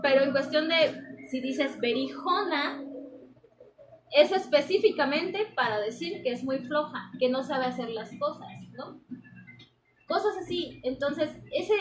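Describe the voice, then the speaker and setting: Young woman, high voice, roomy echo. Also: measured pace. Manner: chatty, explains with examples, many fillers. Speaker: interviewee, anthropology student. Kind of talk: casual interview conversation. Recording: echoey room with background noise.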